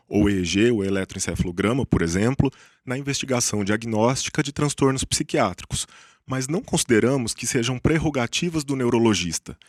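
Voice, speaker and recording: A man's voice: mid-range voice, no echo, clean studio sound. A man with a Brazilian accent, co-hosting a psychiatry podcast and speaking in a formal, precise way. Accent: Brazilian Portuguese. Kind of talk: scripted podcast discussion.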